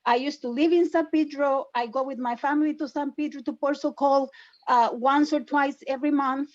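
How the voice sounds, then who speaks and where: A high-voiced Salvadoran woman, accented in Salvadoran Spanish, speaks up at an online town hall as a public commenter, defensive and insistent, restating her points. Her intonation is fairly even, her pace moderate and her tone a little mellow, in a muffled recording.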